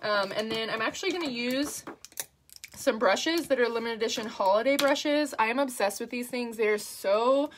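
A woman's voice: on the high side, normal speed, a little hiss or hum. Chatty woman giving a makeup tutorial. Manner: chatty, upbeat, lots of "like" and "um". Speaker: makeup artist.

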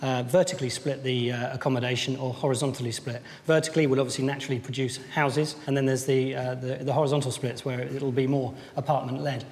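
A man in his thirties, a housing developer, explaining a site in an interview, talking haltingly with many fillers and restarts. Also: mid-range voice, flat delivery, darkish tone. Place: large empty old building indoors. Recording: echoey hall with faint noise.

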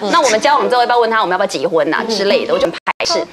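Fast-talking animated woman telling a story. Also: mid-range voice, crowd noise. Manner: lively, acts out others' lines, laughs often. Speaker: guest on a talk show.

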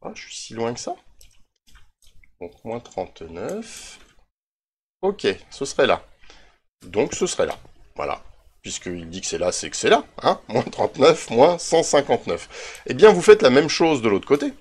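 A man's voice: mid-range voice, sing-song, measured pace, pauses often, slightly rough. A man hosting a casual game tutorial, thinking aloud as he reads out coordinates, with self-mocking asides and drifting away from his desk mic at times. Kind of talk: casual screen-recorded tutorial.

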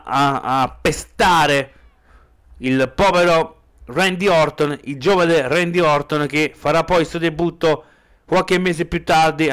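A man's voice: a little high, a bit bright, clear, resonant tone. A man doing amateur play-by-play wrestling commentary, somewhat hesitant, returning to stock phrases.

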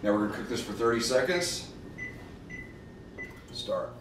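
A middle-aged fire safety educator with a medium-pitched, lively voice gives unhurried, folksy, step-by-step cooking and safety instructions, speaking directly to kids and parents. A distant camera mic across the home kitchen leaves his voice set back in the room. Hard surfaces add lots of echo, and clear background noise runs beneath him.

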